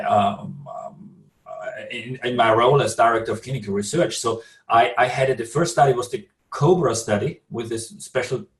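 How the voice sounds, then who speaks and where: Austrian man, halting, on a video call. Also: mid-range voice, reverberant, distant mic. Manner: careful, halting, many restarts. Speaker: guest, clinical research director.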